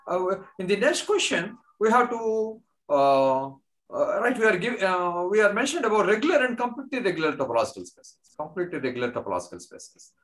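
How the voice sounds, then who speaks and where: A man with an Indian accent giving an unscripted maths lecture, halting and repeating phrases slowly as if dictating. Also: sits high, sing-song, a bit bright, low-quality recording. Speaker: mathematics lecturer.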